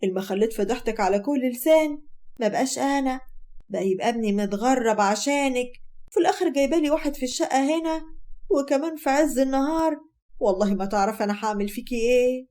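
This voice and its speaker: A woman voicing a domineering, scornful older Egyptian mother-in-law who talks in a sharp, mocking, bossy way. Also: high voice, lively intonation, fast talker. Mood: accusing.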